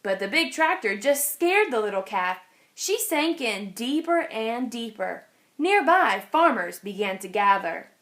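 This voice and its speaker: This is a woman giving an expressive read-aloud of a children's picture book. Her voice is fairly high, and she keeps a measured pace.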